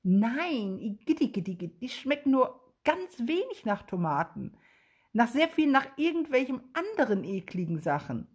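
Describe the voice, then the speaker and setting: A woman voicing a friendly young vampire boy who loves tomatoes, eager and sometimes sheepish, in a breathy voice for a children's story. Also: a little high, big pitch swings, moderate pace, darkish tone, pitched above the performer's own voice. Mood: disgusted.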